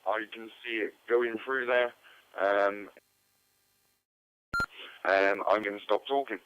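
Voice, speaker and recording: A man's voice: lowish voice, fairly even intonation, slow, fairly bright tone, a little hiss or hum. A man acting as net control on an amateur radio net, talking casually with many hesitant fillers. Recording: dull lo-fi radio audio.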